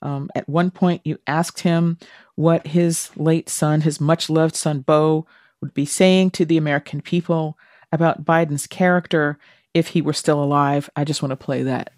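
A woman's voice: low voice, fairly even intonation, normal speed, darkish tone, no room sound. A woman hosting a radio interview, explaining and asking questions in a broadcast style on a close studio mic.

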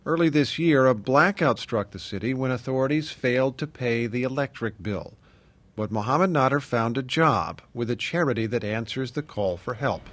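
A man with an American accent narrating a scripted news documentary in short, deliberate sentences. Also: mid-range voice, expressive, fairly bright tone, no room sound. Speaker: radio reporter and narrator.

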